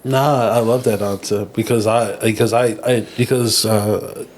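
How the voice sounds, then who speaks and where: Open New podcast host. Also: male voice, fairly low pitch, fairly even intonation, unhurried, slight background noise. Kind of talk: casual interview chat.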